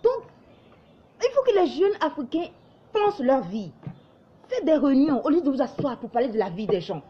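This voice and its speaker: In a dull-sounding recording, a young woman from Ivory Coast speaks at a moderate pace in a high voice with big pitch swings. With a light Ivorian French accent, the online commentator lectures and exhorts to camera, acting out others' words in quoted asides.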